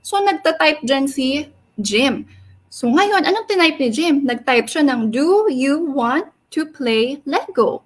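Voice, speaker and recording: Woman, young, high bright voice, animated kids' story reader who quizzes her listeners. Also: takes it slowly. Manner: expressive, sing-song, asks children questions. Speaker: storyteller reading to children. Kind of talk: animated read-aloud storytelling for kids.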